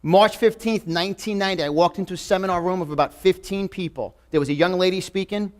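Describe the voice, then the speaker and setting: Speaking fast in a high voice, this New York–accented motivational speaker in his forties gives an emphatic, repetitive talk. He's addressing a live audience in an event room.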